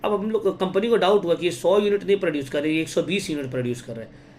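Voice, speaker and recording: A young Indian man teaches an exam-prep class in a high, bright-edged voice. He speaks straight to his students. He mixes in English terms and acts out little classroom scenes. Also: fast talker, slight background noise. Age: young adult. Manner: lively, talks straight to students with Hinglish terms and acted examples.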